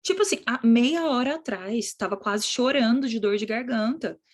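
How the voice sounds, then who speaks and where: Woman, Brazilian accent, middle-aged, animated teaching talk, higher pitch. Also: normal speed. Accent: Brazilian Portuguese. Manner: animated, acts out quoted children and parents. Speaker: course instructor.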